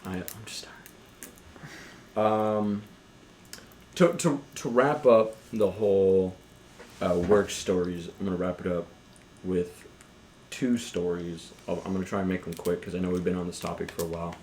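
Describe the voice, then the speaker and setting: A man's voice: low-pitched, fairly even intonation, normal speed, long pauses, darkish tone, slight background noise. A young man on a podcast, casually telling long work stories with lots of swearing and restarts. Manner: rambling, profane, with frequent restarts and fillers. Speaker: podcast co-host. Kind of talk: casual storytelling with friends.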